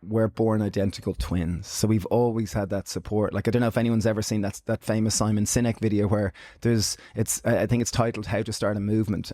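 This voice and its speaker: A man in his forties with an Irish accent, a guest telling stories in a casual, animated conversation. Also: lowish voice. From Ireland. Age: 40s. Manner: animated storytelling with quick asides. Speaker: guest, business co-founder.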